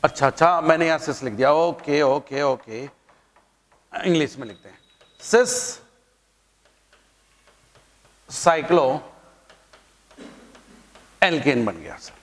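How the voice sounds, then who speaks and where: A man's voice: a little high, takes it slowly, pauses often, in a large hall. A male chemistry teacher from India, giving a playful, chatty lecture with jokes and asides. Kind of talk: classroom lecture.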